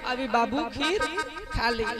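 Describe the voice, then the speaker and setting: Male preacher, very high pitch, folksy storyteller, loud music bed. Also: slow. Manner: animated folksy storytelling, asks crowd questions. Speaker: religious storyteller. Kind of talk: devotional story sermon. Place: live religious gathering.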